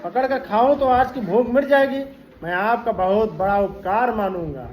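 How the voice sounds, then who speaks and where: A woman's voice: a little high, moderate pace, a little mellow, a little hiss or hum, close to an everyday voice, poor audio. A woman voicing a hungry, foolish male crocodile in a children's story, pleading for help.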